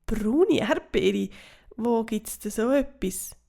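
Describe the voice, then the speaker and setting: Friendly blueberry fairy woman, Swiss German, puzzled and chatty; read by a woman, slow, gravelly. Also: a little high, lively intonation, dark tone, heavily acted.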